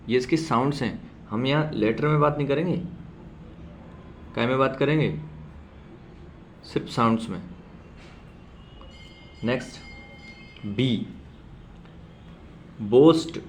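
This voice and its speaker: A man teaching a shorthand class, slowly repeating example words loudly and reassuring his learners. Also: mid-range voice, a little hiss or hum. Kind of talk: classroom lesson.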